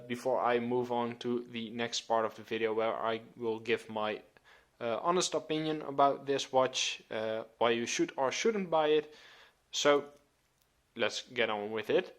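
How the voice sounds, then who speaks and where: Slow-talking young man reviewing a watch. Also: mid-range voice. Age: 20s. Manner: relaxed, hesitant with many fillers. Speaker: watch reviewer, channel host. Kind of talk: casual video review.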